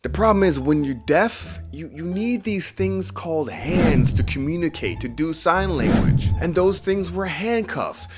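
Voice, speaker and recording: A man's voice: on the high side, lively intonation, measured pace, hardly any pauses, over loud music. A man narrating a news story with sarcastic commentary and mock-serious asides. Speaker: commentary video host.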